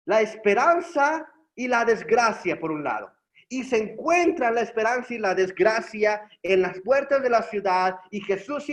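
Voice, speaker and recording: A man with a Mexican Spanish accent preaching a sermon, emphatic and repeating his key phrases. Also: very high-pitched.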